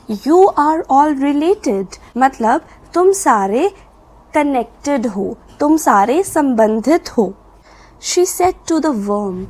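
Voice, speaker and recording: A woman teaching a children's poem, reading the English lines slowly and explaining them in Hindi. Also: sits high, a little mellow, rough recording.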